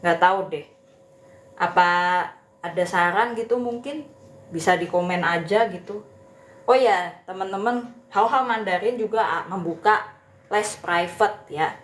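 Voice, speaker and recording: A woman's voice: medium pitch, a little slow, roomy sound. A woman teacher, chatting casually to viewers of her live stream with many fillers and tag questions. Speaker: Mandarin teacher.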